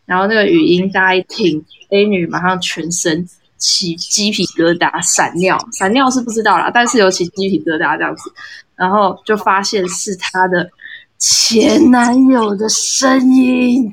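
A woman calls in to a live talk show and tells a friend's story. She chats casually and acts out the quoted lines with lively shifts in her voice. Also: fairly low pitch, normal speed, breathy edge. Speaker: caller sharing a story.

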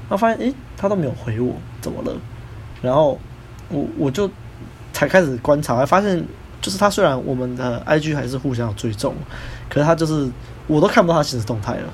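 A quick, animated man with a Taiwanese Mandarin accent, casually recounting a story as a podcast host. He slips into voices for the people he quotes, and his voice sits in a mid range over a faint hiss of room ambience. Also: medium pitch.

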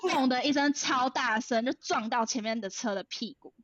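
A young woman in her twenties with a Taiwanese Mandarin accent, telling a story as a podcast co-host in a rapid, animated way full of fillers. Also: fairly high pitch, no echo, lo-fi sound. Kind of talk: casual storytelling chat.

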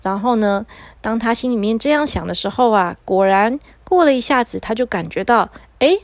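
A woman narrating a children's story quickly, with a slightly preachy manner. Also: on the high side, no room sound.

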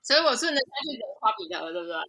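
A woman's voice: on the high side, sing-song, racing, pushed and bright, no echo. A woman with a Taiwanese Mandarin accent, chatting casually as a podcast co-host over a noisy online call. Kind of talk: casual group chat. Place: remote online call from home.

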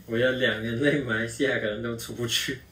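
A man's voice: mid-range voice, fairly even intonation, fast talker, pushed and bright. A young man from Malaysia chatting casually as a guest, recorded in a roomy space away from the mic. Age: young adult. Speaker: podcast guest. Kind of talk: casual chat. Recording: roomy echo, distant from mic.

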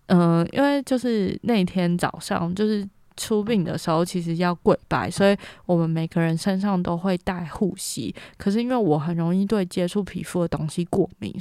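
Chatty young woman with a low voice. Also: a little mellow, clean tone, no echo, studio quality. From Taiwan. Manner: chatty, strings clauses with fillers. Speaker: podcast host. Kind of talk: casual storytelling.

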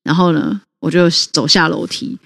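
A woman's voice: on the low side, fairly even intonation, moderate pace, creaky, no echo, studio quality. A woman with a Taiwanese Mandarin accent, co-hosting a podcast and telling a childhood story in a chatty way with many fillers. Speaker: podcast co-host.

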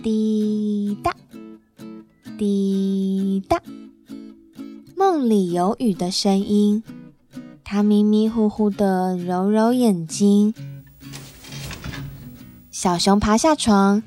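A woman reading a picture book aloud to children, softly and slowly, with sound-word effects. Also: medium pitch, faint music behind. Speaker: storyteller.

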